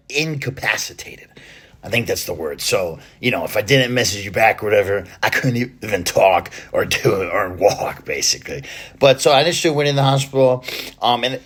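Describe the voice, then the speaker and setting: A man's voice: medium pitch, a bit bright. Breathless man rambling to followers. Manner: halting, rambling, many fillers and restarts. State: out of breath, recovering from illness. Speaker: fitness content creator. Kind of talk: casual vlog update to followers.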